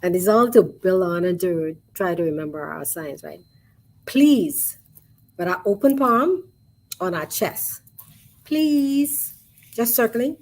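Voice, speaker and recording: A woman with a slightly husky voice leads an online sign language lesson over a webcam. She talks slowly and patiently, saying each word again and again in a soft voice while she demonstrates. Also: fairly low pitch, expressive.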